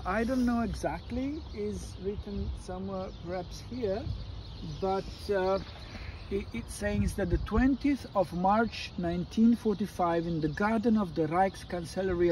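A middle-aged man explaining things to a child in simple, repeated phrases, as an informal guide. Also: high-pitched. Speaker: father and guide. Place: outdoors on a city street. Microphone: phone camera a step or two away. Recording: outdoor phone recording, clear ambient noise.

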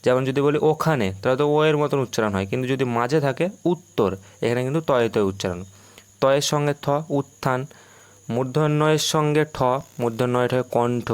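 Male teacher, clear resonant voice, repeats sample words slowly for a lesson video. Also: mid-range voice, dry recording. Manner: explains slowly, repeating words to model their sounds.

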